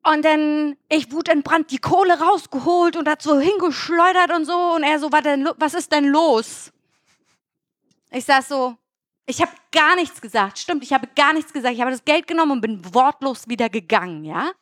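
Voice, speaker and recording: High-voiced young woman ranting. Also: normal speed, dry recording, clean studio sound. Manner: animated, swearing, acts out dialogue. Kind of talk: casual chat, ranting story.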